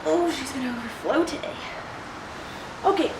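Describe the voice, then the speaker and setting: High-pitched young woman, casual and blunt. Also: moderate pace. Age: young adult. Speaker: athlete answering viewer questions. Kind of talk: casual solo Q&A vlog. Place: ice bath, sheltered outdoors or open to rain. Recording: roomy echo with clear background noise.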